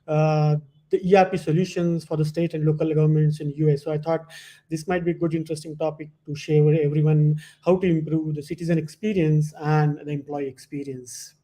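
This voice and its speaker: Guy presenting slides, voice a bit on the high side, kinda halting, lots of filler words and repeats. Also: level tone, dark tone. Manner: hesitant, halting phrasing with frequent repetition and "you know".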